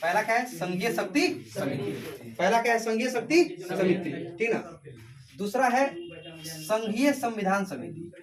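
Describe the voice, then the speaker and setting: A man's voice: high-pitched, moderate pace, long pauses, distant mic, a crowd in the background. A male teacher lecturing and drilling a class, repeating questions and calling students beta. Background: students answering.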